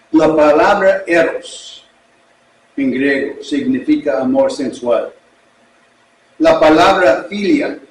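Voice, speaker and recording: A male pastor with an English accent, a native English speaker preaching a sermon in a language he is still learning, slow and deliberate. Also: fairly high pitch, a little hiss or hum. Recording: echoey room, distant mic.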